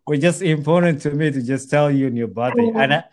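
A man's voice: on the high side, fast talker. Earnest man chatting casually with a friend. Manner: earnest, repeats phrases as he builds a point. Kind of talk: casual heartfelt chat between friends.

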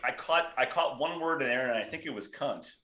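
Chatty man with a bright, roomy sound. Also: mid-range voice, fairly quick. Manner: rambling, enthusiastic, self-deprecating, frequent restarts. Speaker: podcast guest, author. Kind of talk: casual podcast chat. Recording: roomy echo.

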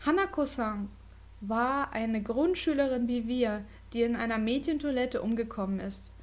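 A woman's voice: fairly high pitch, moderate pace. Woman telling a ghost story. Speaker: podcast host. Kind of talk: reading a ghost story aloud.

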